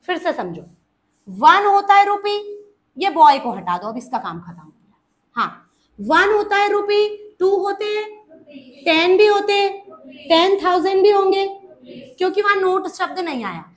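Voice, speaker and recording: A woman teaches an English grammar class in a very high voice. She speaks slowly and deliberately, going over each point again and again. She keeps asking her students questions and calls them child. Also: sing-song.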